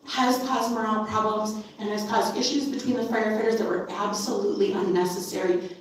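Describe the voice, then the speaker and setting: A woman giving an impassioned public comment at a council meeting, forceful and insistent, repeating points for emphasis. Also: fairly high pitch. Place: council chamber. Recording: very echoey hall from far off.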